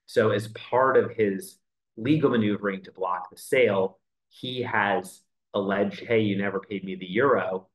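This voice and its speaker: A man's voice: fairly low pitch, measured pace, highs cut off. Man explaining celebrity news over video call. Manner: conversational, explains step by step with many "you know"s. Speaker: entertainment news editor. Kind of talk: remote news interview. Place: indoor room with framed poster behind.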